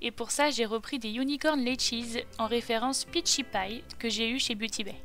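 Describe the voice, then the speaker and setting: A woman's voice: on the high side, fairly even intonation, normal speed, fairly bright tone. A woman vlogger talking through a makeup tutorial step by step in a chatty voice-over. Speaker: beauty vlogger. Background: faint background music.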